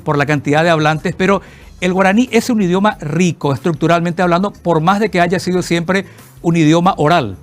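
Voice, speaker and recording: Un hombre con acento paraguayo, presentador que entrevista con preguntas largas y curiosas. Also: male voice, high voice, fairly quick. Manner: inquisitive, asks long framing questions. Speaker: TV host. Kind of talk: interview host.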